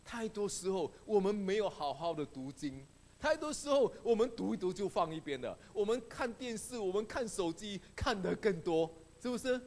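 Man, pastor, sermon, high voice, very lively pitch, animated storytelling. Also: normal speed.

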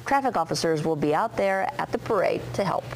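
A woman's voice: fairly low pitch, animated, fairly quick, slight background noise. American woman anchoring local news. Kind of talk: news reading and desk chat.

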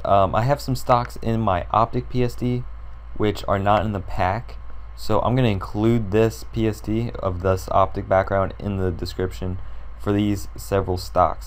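Hoarse from a sore throat, a young tutorial creator talks in a deep, low voice through a computer design walkthrough. He clicks along while rambling and thinking out loud, full of ums and uhs, over a faint background hiss.

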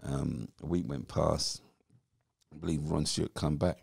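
A man, a podcast guest telling his story in a lively, animated way. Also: rumbling low, measured pace, gravelly, breathy edge, no room sound, studio quality. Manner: animated storyteller who acts out voices. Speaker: podcast guest, former footballer. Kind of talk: casual interview storytelling.

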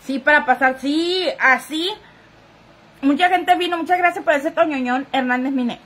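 A woman's voice: sits high, fairly quick, fairly bright tone. A woman hosting a casual gossip live stream, chatting straight to viewers, thanking commenters and sniffling now and then. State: sniffly, runny nose.

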